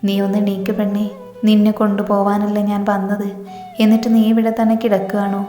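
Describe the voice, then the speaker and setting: A woman voicing the ghost of an old grandfather who gently coaxes his wife, in a storybook reading with faint music behind. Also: medium pitch, monotone, brisk, lightly acted. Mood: coaxing. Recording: echoey reverberant room, faint music.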